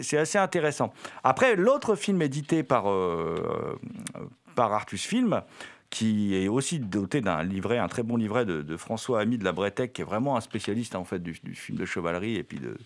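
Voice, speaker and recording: Male film-review host, casual and enthusiastic, stumbling delivery with frequent fillers and restarts. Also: fairly low pitch. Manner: hesitant, many fillers and repeated words.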